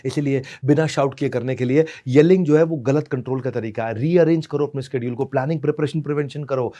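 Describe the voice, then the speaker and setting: A man's voice: mid-range voice, fast, dark tone. A man giving a dramatic, emphatic motivational lecture on parenting, with rhyming asides and English phrases mixed in. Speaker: parenting speaker.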